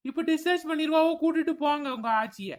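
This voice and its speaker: Woman voicing a curt impatient cartoon doctor guy, highish voice. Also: lightly acted. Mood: brusque. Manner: brusque, hurried instructions. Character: impatient male doctor, middle-aged, brusque. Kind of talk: cartoon comedy voice acting.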